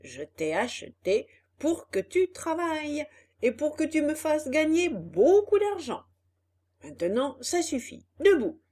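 Woman doing a gruff angry circus boss. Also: high voice, big pitch swings, takes it slowly, pitched above the performer's own voice, heavily acted. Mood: bossy. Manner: shouting, scolding.

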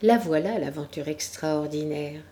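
A woman reading a literary story aloud in a slow, measured storytelling manner. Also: deep voice, mellow. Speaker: audiobook narrator.

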